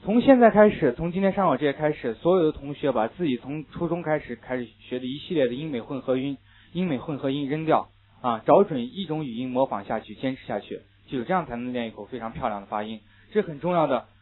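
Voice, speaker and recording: Male English teacher, mid-pitched, chatty lecturer, lo-fi phone-like classroom recording. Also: quick pace. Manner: lively, chatty, mixes English phrases and anecdotes.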